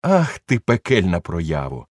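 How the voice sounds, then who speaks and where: A man voicing an excitable eccentric gentleman who gives urgent commands, for an audiobook. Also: medium pitch, moderate pace, slightly rough, no room sound, clean studio sound, pitched above the performer's own voice.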